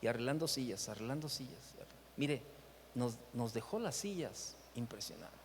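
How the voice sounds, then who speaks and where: A man's voice: mid-range voice, moderate pace, big-room sound, a little hiss or hum. A man with a Mexican accent gives a church leadership talk, telling stories and asking rhetorical questions. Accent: Mexican Spanish. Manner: animated storytelling with rhetorical questions. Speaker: seminar speaker at a church. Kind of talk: preaching talk with anecdotes. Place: church meeting hall.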